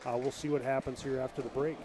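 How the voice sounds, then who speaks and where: A man giving relaxed, conversational color commentary at a live high school basketball game. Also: fast, heavy background noise.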